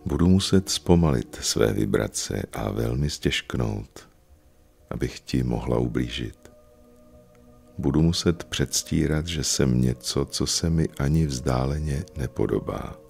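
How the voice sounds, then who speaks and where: A patient, kind female soul who explains with calm gentleness, as a man reads her in his own voice. The voice stays very deep, with a gravelly fry. Soft music runs behind. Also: heavily acted. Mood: gentle.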